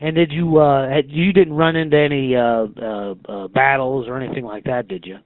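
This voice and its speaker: A man conducting a casual interview, asking halting, hesitant questions with many pauses. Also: mid-range voice, fairly even intonation. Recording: tinny phone-like band, roomy echo.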